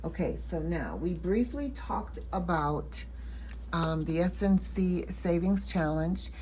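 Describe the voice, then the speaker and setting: A woman casually walking through her savings challenges in a planner vlog, relaxed and chatty with many fillers, tired and yawning late at night. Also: fairly low pitch, slow, slight background noise. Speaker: planner and budgeting vlogger. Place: at home at night.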